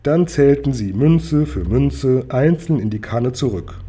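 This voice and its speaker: A man reading a children's book aloud to a listener in calm storytelling narration. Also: medium pitch, measured pace, husky. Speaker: reader.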